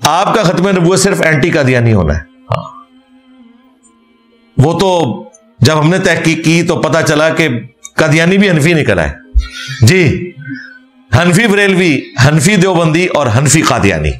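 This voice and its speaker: A man delivers sharp religious commentary in a somewhat high voice, firing rhetorical questions and sarcastic replies. Faint music plays underneath his talk. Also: sing-song, measured pace, long pauses. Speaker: religious speaker rebutting a cleric.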